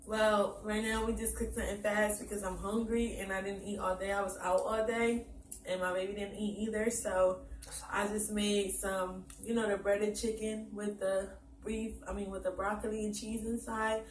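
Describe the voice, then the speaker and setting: A woman chatting casually on camera about the meal she cooked, soft-spoken and affectionate. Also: mid-range voice, level tone, moderate pace, far from the mic, a little hiss or hum. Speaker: vlogger. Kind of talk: casual mukbang chat. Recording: echoey room, voice from off-mic.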